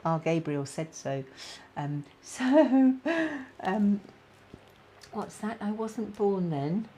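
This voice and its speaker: A middle-aged woman with a British accent hosting a casual live-stream chat, talking warmly to viewers with plenty of fillers. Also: mid-range voice, lively intonation, extremely slow. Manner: chatty, many fillers, reads out viewer comments. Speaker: spiritual guidance host.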